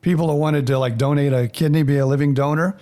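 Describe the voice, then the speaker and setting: A man's voice: on the high side, steady tone, quick pace, dark tone. A man hosting a podcast in casual interview talk, loose and full of uh fillers and restarts. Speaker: podcast host.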